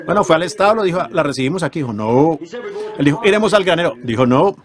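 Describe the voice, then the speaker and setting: A man's voice: on the high side, animated, fast talker, a crowd in the background. Man preaching over a crowded congregation. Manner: earnest preaching with frequent rhetorical questions to the congregation. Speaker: simultaneous interpreter of a sermon. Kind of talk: preaching sermon interpretation. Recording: congregation noise from an old sermon tape behind the voice. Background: congregation in a church.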